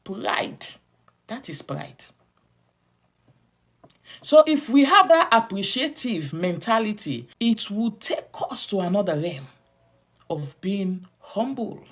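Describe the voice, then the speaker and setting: Slow, husky woman preaching emphatically. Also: medium pitch, very animated. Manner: emphatic, repeats key phrases for stress; preaching cadence with drawn-out stressed words. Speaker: women's ministry teacher. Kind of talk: sermon-style teaching.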